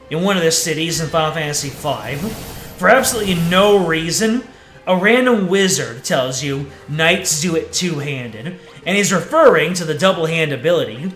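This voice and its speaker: A man's voice: a little high, fairly bright tone. A man streaming a game and chatting in a rambling, casual way between story lines. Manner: rambling, chatty, filler-heavy. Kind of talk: let's play commentary. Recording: echoey room, faint music.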